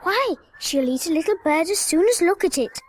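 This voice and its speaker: Prim curious girl, very high voice, long reverb as a woman acts her. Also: lively intonation, normal speed, slight background noise. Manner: prim, wondering, well-spoken. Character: polite curious young girl. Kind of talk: storybook record acting.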